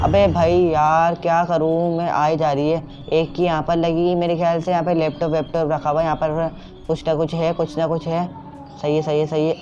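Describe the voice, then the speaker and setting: A man's voice: on the high side, darkish tone, slight background noise. Jumpy young man narrating a horror game. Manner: jumpy, repeats filler words, startled outbursts. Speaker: gameplay streamer. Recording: dull lo-fi sound with game music.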